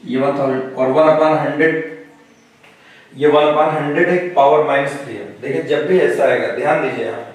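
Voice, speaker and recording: A man's voice: fairly high pitch, moderate pace. A man teaching a physics lesson in a classroom, working through problems step by step and often checking with his students. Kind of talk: classroom lecture. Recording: echoey room, voice from a distance.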